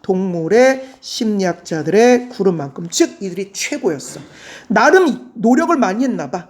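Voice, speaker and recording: A woman teaching English to exam students, explaining a reading passage in a lively way with rhetorical questions and words read out slowly. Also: mid-range voice. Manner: animated, switches between polite and casual speech, asks rhetorical questions.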